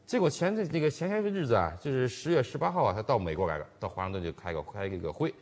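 Fast, hesitant husky male commentator. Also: mid-range voice, big pitch swings. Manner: rambling retelling with many restarts and fillers. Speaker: co-host, commentator. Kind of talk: political commentary chat.

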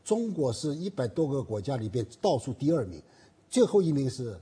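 A man's voice: mid-range voice, sing-song, fairly quick, dark tone, husky. A man hosting a commentary show, leading the talk with questions and rebuttals. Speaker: host. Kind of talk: political commentary chat.

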